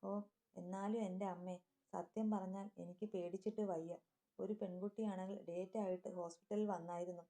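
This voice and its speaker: A woman's voice: mid-range voice, steady tone, moderate pace, mellow, lightly acted. A woman voicing a frightened young pregnant wife who complains of her fear. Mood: fearful. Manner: whining, fearful.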